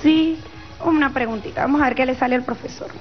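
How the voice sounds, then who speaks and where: A woman's voice: sits high, quick pace. A middle-aged woman with a Venezuelan accent, hosting a studio talk show in a conversational style. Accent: Venezuelan Spanish. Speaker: radio and TV show host. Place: small padded radio studio. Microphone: close studio microphone, headset on. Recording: dull band-limited broadcast, faint music.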